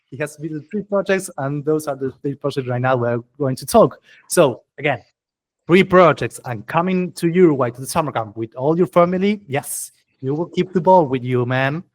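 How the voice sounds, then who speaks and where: Speaking English with non-native turns of phrase, a man hosts a relaxed, informal event presentation in an eager, talkative way. His voice is on the high side and his pace moderate.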